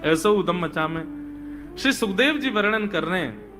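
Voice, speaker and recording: A man telling a devotional story in a sermon, animated and dramatic. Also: high-pitched, measured pace, over music.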